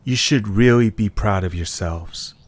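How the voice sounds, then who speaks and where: In a scripted audio story, a man both narrates and voices the main character, an earnest, encouraging young man, speaking conversationally. His voice is fairly low and measured, and the recording is dry.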